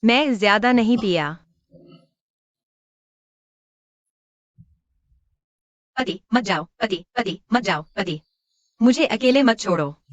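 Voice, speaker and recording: A woman's voice: fairly high pitch, expressive, moderate pace, no echo, dull audio, lightly acted. An actress in a dubbed short drama playing a drunk young woman who clings to and pleads with the man she loves, her speech slurred. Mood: drunk, pleading.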